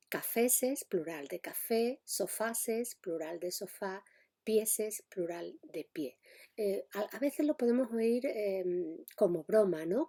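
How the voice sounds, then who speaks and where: A woman's voice: mid-range voice, dark tone, husky. A middle-aged woman giving a spoken linguistics lesson, explaining step by step with frequent hesitations and checks on her listeners. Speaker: lecturer.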